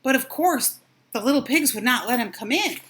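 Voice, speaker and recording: An older woman reading a children's storybook aloud with expressive, dramatic emphasis. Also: high voice, normal speed, a little hiss or hum.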